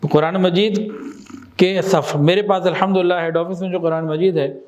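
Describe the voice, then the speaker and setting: A man teaching in a religious talk, explaining with examples, asking his listeners questions and repeating phrases slowly for emphasis. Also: high voice, fairly even intonation, lo-fi sound. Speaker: Islamic teacher.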